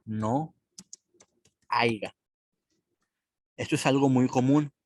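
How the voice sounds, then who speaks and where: A man teaches an online class at a deliberately slow pace, repeating key words for his students. His voice sits in an ordinary middle pitch. The recording is dry and close, with no room sound. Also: no room sound.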